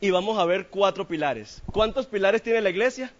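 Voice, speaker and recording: A man's voice: sits high, lively intonation, normal speed, highs cut off. A man preaching a sermon in church, asking the congregation questions in a playful, colloquial way.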